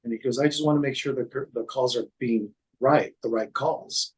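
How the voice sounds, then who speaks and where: A man's voice: medium pitch, breathy edge, rough recording. A man, a former city code manager, recounting past workplace events in an interview, with frequent restarts and quoted dialogue. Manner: halting, many restarts and fillers, quotes others in dialogue.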